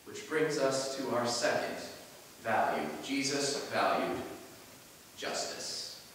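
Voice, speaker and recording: A man's voice: mid-range voice, lively intonation. Man preaching in an echoey church. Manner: measured preaching, rising on key phrases and dropping soft at line ends. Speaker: pastor. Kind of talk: sermon. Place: large church sanctuary. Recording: echoey church from far off, faint hiss.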